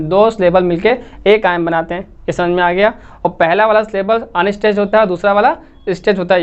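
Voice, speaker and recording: A woman lecturing as an English literature teacher, who asks her listeners questions, repeats the key terms and keeps checking in with them. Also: mid-range voice. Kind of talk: classroom-style lecture. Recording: slightly muffled recording.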